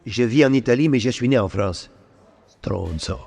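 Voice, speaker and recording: A man's voice: mid-range voice, animated, moderate pace, gravelly, darkish tone. A man voicing a tall athletic man in his thirties in an audio drama, curt and bristling.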